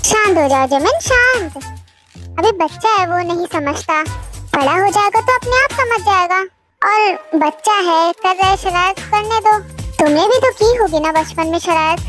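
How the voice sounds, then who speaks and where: An easygoing young husband, as a performer puts him on, calm and coaxing, in a voice still high for a man but pitched lower than her usual. He speaks gently and reassuringly, with clear music running behind him. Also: moderate pace. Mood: soothing. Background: background music.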